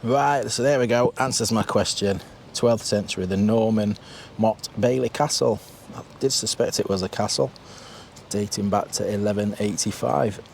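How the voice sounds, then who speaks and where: A man's voice: lowish voice, normal speed, vocal fry, a little mellow, slight background noise. A man hosting a travel vlog, chatting casually as he walks through town streets, often restarting and turning to the viewer with asides. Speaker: travel vlogger and host. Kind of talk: casual walking-tour commentary. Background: background music.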